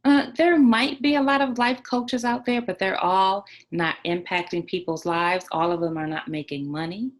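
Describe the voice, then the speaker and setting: A woman's voice: mid-range voice, normal speed, hardly any pauses. A woman giving an online training on life coaching, emphatic, repeating key points and checking in with "right?" and "okay?".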